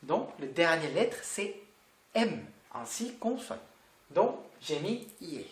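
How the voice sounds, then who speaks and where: Slow, patient language teacher in an echoey room. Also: mid-range voice, big pitch swings. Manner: patient, repeats words and asks questions back to the learner. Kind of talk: online language lesson.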